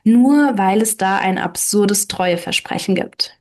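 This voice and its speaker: A woman's voice: medium pitch, slow, darkish tone, lightly acted. A woman reading aloud and voicing a self-assured woman who lectures firmly about love and faithfulness. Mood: persuasive. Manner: firm, lecturing.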